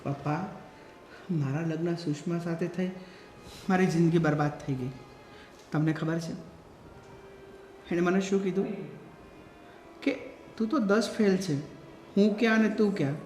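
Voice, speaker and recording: A bitter young husband, played by a man, complains loudly in a high, strained voice. He sounds distant from the mic in an echoey room, with a faint hiss behind him. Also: steady tone, measured pace, long pauses, close to an everyday voice. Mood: aggrieved. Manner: loud, aggrieved complaining. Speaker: son-in-law. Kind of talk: short-film family drama acting.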